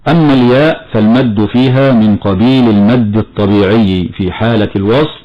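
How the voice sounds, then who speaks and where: Low-voiced sheikh teaching recitation on radio. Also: male voice. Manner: measured, methodical explanation. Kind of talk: radio tajweed lesson. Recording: dull lo-fi radio recording.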